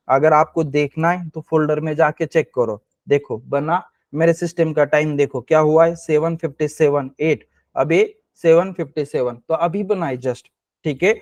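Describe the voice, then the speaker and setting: A man's voice: on the high side, no echo, lo-fi sound. A man teaches a coding class live. He keeps checking in with students by name and answers his own questions. The sound is close and dry. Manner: quizzes students by name, repeats key points with rhetorical questions. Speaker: programming instructor.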